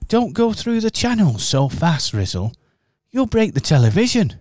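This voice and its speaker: A man's voice: sits high, big pitch swings, normal speed, darkish tone. A man voicing Kong Bear, a kind and caring male talking bear, in a radio pantomime. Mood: gentle.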